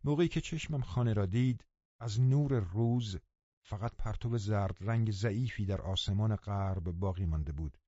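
Low, mellow male audiobook narrator. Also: dry recording. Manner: measured, unhurried storytelling. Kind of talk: scripted first-person narration. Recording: dull lo-fi recording.

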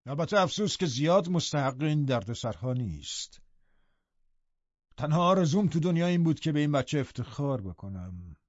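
A man's voice: on the high side, very animated, no echo, muffled recording. A man voicing a harsh, scornful middle-aged landowner in an audiobook, speaking in a cold, contemptuous, boastful way. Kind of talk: audiobook character reading.

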